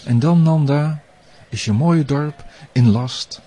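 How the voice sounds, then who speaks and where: A wise old grey-haired priest from a storybook, solemn and earnest, his words low and weighty, as a man puts him on. The voice sits a little higher than the reader's own and lingers slowly over each phrase. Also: dark tone, slight background noise. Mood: warning. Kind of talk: storybook reading.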